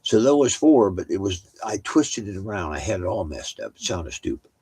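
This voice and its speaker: A man's voice: sits low, big pitch swings, moderate pace, mellow, husky, rough recording. An older man telling family stories at home in a rambling, casual way, with many restarts and side remarks. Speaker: storyteller.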